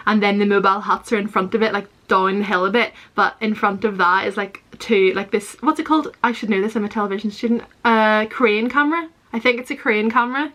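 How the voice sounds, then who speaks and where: A woman's voice: mid-range voice, fairly bright tone. A young woman, chatting casually and self-deprecatingly as she reacts to old TV footage of herself. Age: young adult. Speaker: vlogger.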